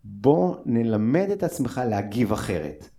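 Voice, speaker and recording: A man's voice: medium pitch, very animated, gravelly, dark tone. A man interviewing a guest in casual chat, informal and self-deprecating, putting things in a layman's words.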